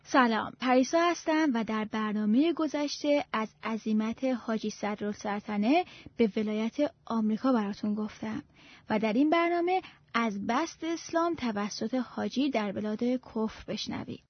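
A woman presenting a scripted history program in a measured reading voice. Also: on the high side, no echo. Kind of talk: scripted narration. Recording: dry muffled recording.

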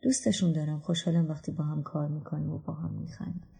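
Woman narrating an audiobook, low voice, husky and gravelly, quiet introspective reading. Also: level tone, soft background music. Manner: quiet, introspective, drops to whispers. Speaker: book reader. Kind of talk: first-person literary narration.

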